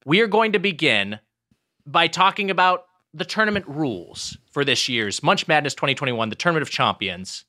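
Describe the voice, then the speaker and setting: A man's voice: fairly high pitch, sing-song, normal speed, sharp tone, no echo, studio quality. A man hosting a podcast, shifting between announcer-like reading and casual, mock-dramatic banter. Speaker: podcast host.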